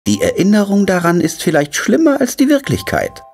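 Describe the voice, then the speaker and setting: A man narrating a children's cartoon story in a gentle, coaxing way, speaking to the little hero. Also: high-pitched, wildly swooping pitch, fairly quick, gravelly, soft background music. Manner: gentle, coaxing, talks to the figure.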